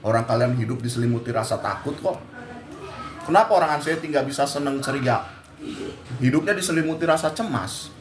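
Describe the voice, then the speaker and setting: A man's voice: mid-range voice, animated, a little fast, echoey room, a crowd in the background. A man giving a blunt, scolding motivational talk to his viewers. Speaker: anxiety motivational speaker.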